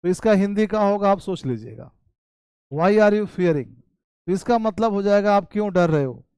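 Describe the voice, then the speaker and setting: High-voiced Indian English teacher. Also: male voice, animated, smooth, no echo. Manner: reads English sentences slowly and deliberately, explains in quick Hindi; addresses viewers warmly as "bhai" and "babu". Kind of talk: spoken English lesson in Hindi.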